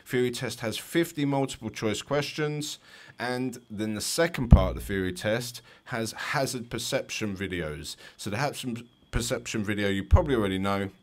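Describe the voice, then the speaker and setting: A man's voice: medium pitch, normal speed. A man with a London accent, a driving instructor giving chatty, explanatory commentary over driving test footage with light jokes.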